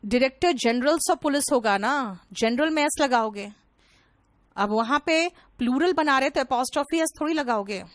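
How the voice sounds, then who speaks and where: High-voiced woman teaching vocabulary. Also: expressive, unhurried, dry recording. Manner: explains in Hindi mixed with English, calls students beta. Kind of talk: online class teaching.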